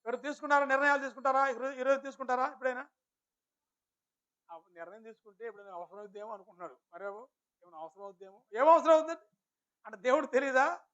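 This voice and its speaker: A man's voice: very high-pitched, fast, fairly bright tone, smooth. A man preaching a sermon to a village church congregation, firing rhetorical questions at his listeners and addressing them politely. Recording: dull lo-fi recording.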